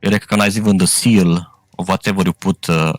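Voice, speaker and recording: A man's voice: sits low, steady tone, fairly quick, no room sound, clean studio sound. A man narrating a tabletop role-playing game as game master, improvising and often searching for his words.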